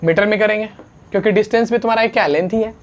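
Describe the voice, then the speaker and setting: A man teaching a science lesson, constantly asking the class questions and answering them himself, urging students to write fast and mixing English unit names into his talk. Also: high voice, lo-fi sound. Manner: urges students to write quickly, calls them friend.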